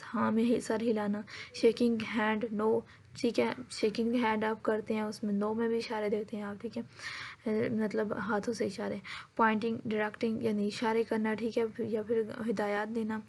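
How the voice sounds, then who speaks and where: A woman lecturer going over exam material. She mixes in English terms, says "ठीक है" again and again, and fills her pauses with "uh". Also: a little high, little pitch movement, darkish tone, husky.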